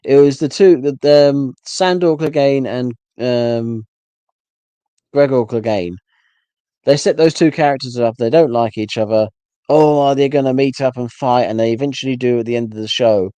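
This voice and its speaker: A man's voice: medium pitch, normal speed, dark tone, clean tone, no room sound. A man hosting a casual solo rant, rambling with frequent restarts and exasperated asides. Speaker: solo livestream host.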